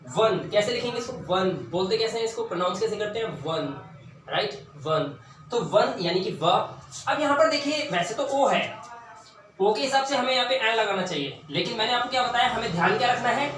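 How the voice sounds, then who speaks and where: A man with a high, bright voice teaches grammar in a classroom style, asking questions and repeating words slowly for emphasis. He sounds far from the mic in a very echoey room, with a faint hiss underneath. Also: lively intonation.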